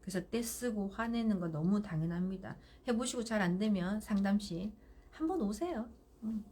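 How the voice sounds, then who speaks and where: A middle-aged woman giving parenting advice on a live stream, firm and animated, acting out what mother and child say. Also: medium pitch, normal speed, breathy edge. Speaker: parenting counselor.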